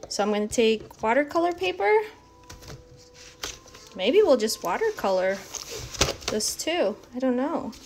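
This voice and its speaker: A woman's voice: a little high, sing-song, unhurried, pauses often, noisy background. A woman giving a casual live painting lesson from home, chatty and encouraging as she thinks aloud. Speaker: art instructor.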